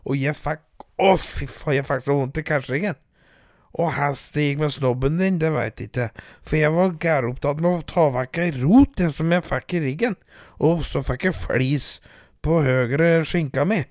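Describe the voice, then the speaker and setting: A man voicing a loud, crude country woman who rambles, swears and boasts. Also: on the high side, dry recording, clean studio sound, natural voice. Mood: complaining.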